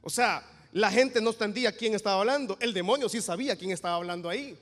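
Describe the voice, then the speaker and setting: A man preaching a Pentecostal sermon as pastor, animated, with joking asides and loud proclamations. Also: high voice, fast. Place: church. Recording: reverberant church hall.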